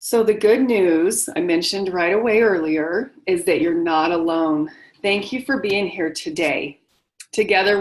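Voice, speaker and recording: A middle-aged woman leads a motivational webinar, speaking directly to her audience in an encouraging, confiding tone. Her voice sits slightly low for a woman. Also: poor audio. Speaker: webinar host and widowhood coach.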